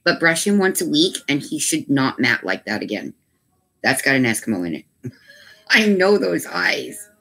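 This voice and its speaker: A woman's voice: rumbling low, sing-song, brisk, fairly bright tone. A woman hosting a craft channel from home, chatting casually with viewers and cooing to her dogs. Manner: chatty and doting, coos baby talk to her dogs. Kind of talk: casual livestream chat.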